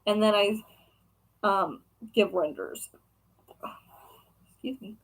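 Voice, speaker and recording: A woman's voice: medium pitch, takes it slowly, slightly rough, low-quality recording. A young woman and craft shop owner chatting casually with viewers, rambling along with lots of fillers. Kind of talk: casual chat answering viewers.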